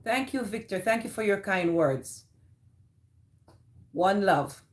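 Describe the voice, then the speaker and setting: This Jamaican-accented woman speaks at medium pitch, expressively and without hurry. She runs a relaxed livestream, reading out viewer comments, answering them, and welcoming people by name.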